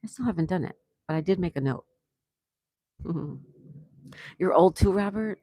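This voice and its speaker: Mellow-voiced older woman hosting a livestream. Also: on the low side, animated, moderate pace, dry recording. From South Florida, USA. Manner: chatty, reads comments aloud, laughs often. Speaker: livestream host reading chat. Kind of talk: casual live-stream chat.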